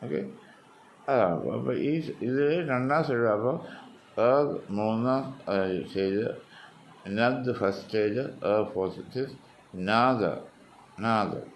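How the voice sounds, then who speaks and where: A man's voice: medium pitch, takes it slowly, creaky, a little mellow, slight background noise. A man with a Malayali accent teaching a spoken English lesson, explaining step by step and repeating words with exaggerated stress.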